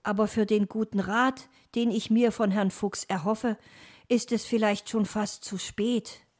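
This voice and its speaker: A shy young suitor from a storybook, lovesick and tongue-tied, as a woman reader puts him on. He talks slowly and hesitantly, in a voice close to the reader's own. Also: medium pitch, steady tone, natural voice. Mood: timid. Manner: timid, hesitant.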